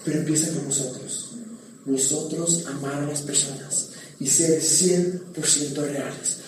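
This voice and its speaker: A man preaching a candid, animated sermon as a pastor, with many restarts. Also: on the high side, a little slow, noisy background. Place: church hall. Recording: echoey hall from far off.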